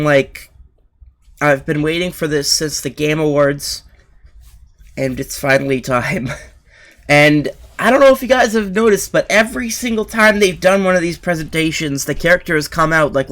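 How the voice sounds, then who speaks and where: A young man streaming a live reaction from his bedroom, excited and rambling with lots of fillers. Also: on the high side.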